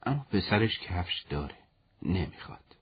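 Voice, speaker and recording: A man voicing a calm, humble male war commander who teases gently, in a storybook reading. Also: low-pitched, slightly rough, dull audio, heavily acted. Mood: gentle. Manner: gentle, teasing.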